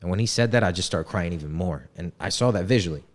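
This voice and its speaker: A man in his twenties speaks in a very deep, low register. He tells his story in a casual, candid way, sprinkled with street slang. He is a guest opening up on an interview podcast. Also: fast. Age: 20s. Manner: slangy and candid, heavy on "yo" and "bro". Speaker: podcast guest, men's coach.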